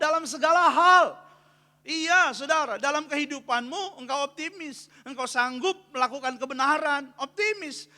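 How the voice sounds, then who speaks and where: A man's voice: very high voice, bright, forceful tone. A man preaching a sermon as pastor, calling out questions to the congregation and having them fill in the answers. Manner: call-and-response preaching, often asking the congregation to finish his sentences. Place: church hall. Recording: long reverb of a church hall.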